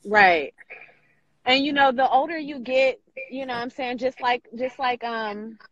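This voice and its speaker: A woman chatting casually while calling in from her car while driving, agreeing along with relaxed slang. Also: high-pitched, unhurried. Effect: calling in from her car, lo-fi phone line. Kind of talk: casual chat.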